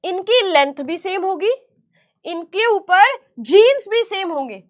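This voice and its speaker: A woman teacher with a strikingly high voice leads an online lesson. She talks slowly and deliberately on her terms, repeating each question and answering it herself in a coaxing tone. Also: lively intonation. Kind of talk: online class lecture.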